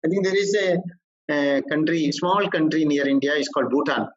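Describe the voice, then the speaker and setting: Male corporate trainer, slightly high voice, halting and explanatory lecture delivery, muffled lo-fi recording. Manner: halting, explanatory, frequent restarts. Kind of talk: workshop lecture.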